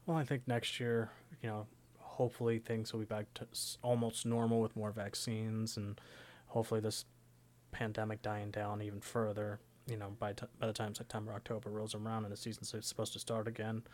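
A man's voice: fairly low pitch, monotone, fairly quick, darkish tone. A young man co-hosting a sports podcast, talking casually and rambling with lots of "you know". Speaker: podcast co-host.

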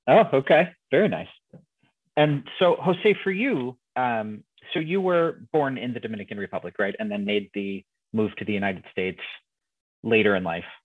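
A man's voice: lowish voice, normal speed. A male host interviewing guests, attentive and giving frequent affirmations over a tinny, phone-like line.

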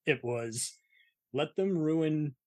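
A man's voice: a little high, animated, extremely slow, mellow, no echo, clean studio sound. A man hosting a podcast, ranting profanely in casual chat and laughing often. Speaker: podcast host.

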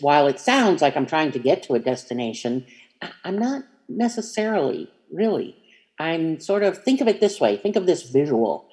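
A minister with a mid-range voice offers a reflective spiritual talk, gentle and inviting, though meandering and hesitant, full of fillers and restarts.

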